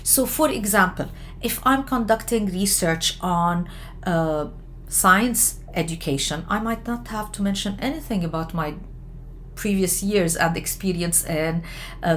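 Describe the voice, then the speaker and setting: A woman from Lebanon giving an explanatory lecture on research methods, talking in a measured way with frequent fillers and self-corrections. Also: lowish voice, a little hiss or hum. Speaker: education lecturer.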